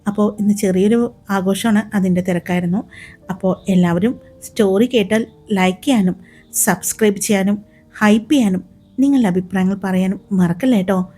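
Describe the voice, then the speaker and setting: A woman narrating a serialized romance story in a smooth, dramatic storytelling manner. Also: mid-range voice, a little fast, warm tone. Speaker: storyteller, channel host.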